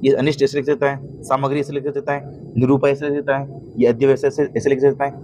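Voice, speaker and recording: A man's voice: medium pitch, level tone, quick pace, mellow. A man teaching a grammar lesson, explaining patiently and often checking with his students whether they follow. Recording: noisy recording.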